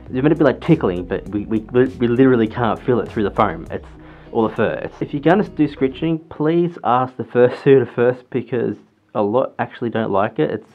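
A man's voice: medium pitch, animated, a little fast, soft background music. A man speaking from inside a costume head, muffled, giving casual advice in a rambling way and laughing often. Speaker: fursuiter vlogger.

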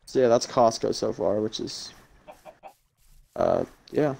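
Gravelly, lively-voiced man in relaxed gaming banter, quick to laugh. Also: medium pitch. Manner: easygoing, laughs often. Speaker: gamer on voice chat. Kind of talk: casual chat.

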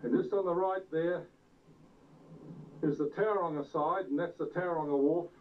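Man narrating an old VHS home video. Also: a little high. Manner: unhurried, pointing out sights like a tour guide. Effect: old VHS tape sound. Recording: tinny, distant, hissy old camcorder tape.

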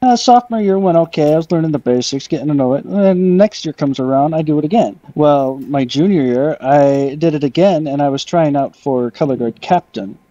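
A young American man from Michigan, a guest storyteller on a gaming video, casually shares personal stories over voice chat. His slightly high, dark-toned voice has lively intonation and runs a little fast with few pauses; the lo-fi voice-chat audio sounds dull, without echo.

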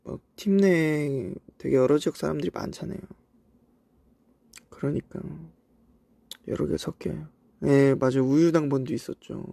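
A young South Korean man with a gravelly yet mellow voice, pitched on the high side, chats at a moderate pace with frequent pauses and no room sound. An idol livestream host with traces of the Cheongju dialect, he reads comments casually in a voice-only indoor stream, relaxed and reminiscing with soft asides.

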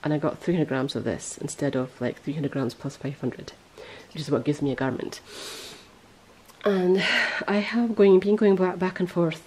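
A woman hosting a podcast in casual chat, rambling and correcting herself as she goes, her voice a little hoarse. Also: sits low, fairly even intonation, moderate pace, dark tone, a little hiss or hum, low-quality recording. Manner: chatty, rambling, self-correcting. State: voice going hoarse. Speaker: podcast host.

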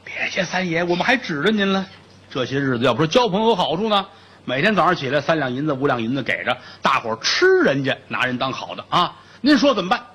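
A man's voice: a little high, very animated, quick pace, a bit bright, husky, exaggerated voice. A man voicing a boastful, streetwise male prison inmate in a comic told story. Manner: brash, jokey.

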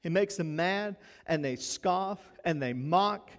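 A man with a notably high voice preaches a sermon in a church sanctuary, his words trailing off in a long hall reverb. He preaches with animation, climbing louder and higher to drive points home, and drops into folksy, self-deprecating asides. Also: animated, slow. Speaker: pastor.

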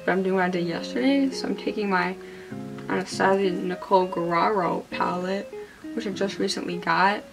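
A woman's voice: mid-range voice, low-quality recording. A woman in her twenties, hungover, rambling casually and putting herself down as she talks through a makeup vlog. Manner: hungover, rambling and self-deprecating. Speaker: beauty vlogger. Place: small indoor room.

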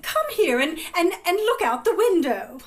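A woman's voice: extremely high pitch, big pitch swings, normal speed, pitched above the performer's own voice. A woman voicing a weak, ineffectual Edwardian aunt who stammers and hesitates with the children. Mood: flustered.

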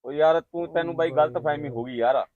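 Guy playing young punjabi thief begging to be let go, high voice, talks quick, muffled lo-fi skit audio. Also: natural voice. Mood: pleading. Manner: pleading, insistent, repetitive. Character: pleading young educated thief caught red-handed.

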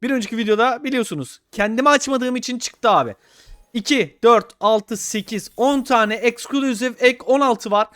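A young man commenting on his own gameplay, pleading with the game and swinging between low muttering and loud shouts. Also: normal speed, no echo, studio quality. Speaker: gaming YouTuber.

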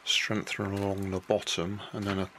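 A man's voice: on the low side, completely flat delivery, moderate pace, bright, forceful tone, slight background noise. An older man casually walking through a hobby build at a kitchen table, explaining each step plainly and unhurriedly, correcting himself as he goes.

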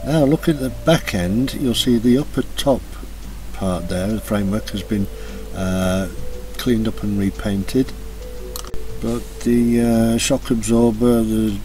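Man, low-pitched, halting casual narration, many fillers, clear music underneath. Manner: relaxed, hesitant with many ums and uhs. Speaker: motorbike restorer narrating a slideshow. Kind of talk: casual voice-over commentary. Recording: voice-over with music playing behind.

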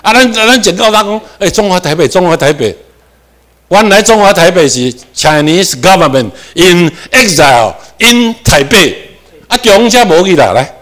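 A man with a Taiwanese accent giving a classroom lecture, moving between Hokkien and Mandarin, dropping in English terms and asking himself questions as he goes. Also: moderate pace. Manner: animated, with sudden rises in pitch and volume for emphasis. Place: lecture room.

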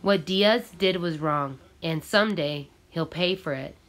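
Woman voicing a firm, steady father. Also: on the low side, unhurried. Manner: firm, calm.

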